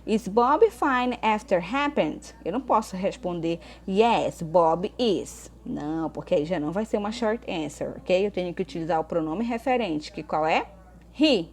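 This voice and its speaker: A woman's voice: fairly low pitch, lively intonation, a little mellow. Brazilian woman teaching English, patient. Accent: Brazilian Portuguese. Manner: explanatory, checks in with frequent "ok?" and "tá?"; slows down to read English examples aloud. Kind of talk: remote lesson explaining grammar.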